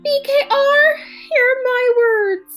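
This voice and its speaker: A woman voicing an excitable male spaceship captain in a storybook reading, with a high, strained voice. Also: slow, soft background music, full character voice. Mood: urgent. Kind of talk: audiobook character voice.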